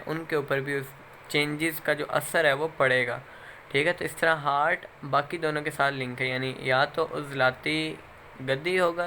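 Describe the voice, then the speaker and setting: An instructor with a Pakistani accent lectures in a bright, forceful, fairly high voice. He walks through the material step by step, pausing on fillers and repeatedly checking in with his students, while a faint hiss runs beneath the audio.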